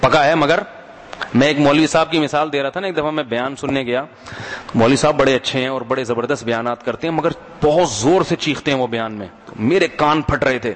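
A man's voice: medium pitch, fairly quick. Male preacher in a reverberant hall. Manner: conversational, keeps asking the audience to respond; tells humorous anecdotes. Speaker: religious preacher. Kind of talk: sermon.

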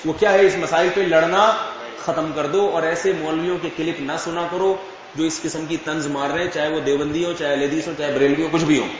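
A man delivers a religious lecture in a chatty, explaining way, stopping to ask if his listeners follow. His voice sits a little high and comes from a distance, dulled and ringing through a large echoing hall with a faint hiss underneath. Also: fairly even intonation. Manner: conversational, checks understanding with rhetorical questions. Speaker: Islamic scholar. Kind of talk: religious lecture answering questions. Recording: echoey hall, far from dull mic, faint noise.

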